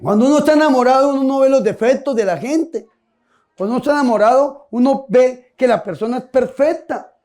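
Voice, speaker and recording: A man's voice: very high voice, fairly quick, darkish tone. A priest giving a humorous sermon, telling folksy stories and asking his listeners direct questions.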